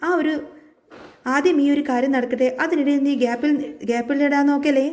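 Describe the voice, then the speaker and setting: A man's voice: very high voice, fairly even intonation, a little fast, a little mellow. A woman reading the part of a stern male police inspector who questions people curtly in a storybook retelling. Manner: curt and stern.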